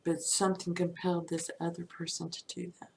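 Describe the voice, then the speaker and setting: A woman's voice: on the low side, completely flat delivery, a little fast, vocal fry, darkish tone, slight background noise, low-quality recording. A woman teaching manifestation through casual, chatty storytelling, often saying "you know" and laughing lightly.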